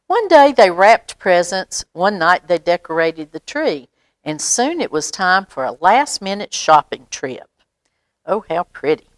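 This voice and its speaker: Reading a picture book aloud to children, this library storyteller has a voice on the low side, recorded with no room sound. She is expressive and stops for asides and questions to her young listeners.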